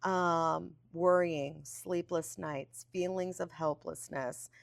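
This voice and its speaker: A middle-aged woman hosting a casual faith podcast, telling stories in an animated way and laughing often. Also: on the low side, slow, gravelly, dry recording. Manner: animated storyteller, laughs often, acts out quotes. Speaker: podcast host.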